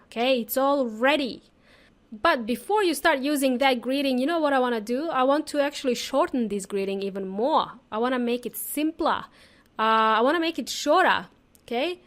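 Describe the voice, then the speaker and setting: Her voice is high with a fairly bright tone as she runs an informal English lesson on her podcast. Speaking directly to learners, she chats casually and explains ideas in simple terms, going over them more than once.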